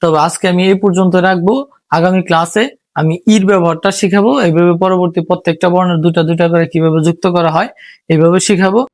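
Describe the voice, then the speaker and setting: A man with a fairly high voice teaches a reading lesson. He talks patiently, breaking words into syllables and repeating them. The sound is dry and close. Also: flat delivery, quick pace, no room sound. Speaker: English teacher. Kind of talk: spoken lesson.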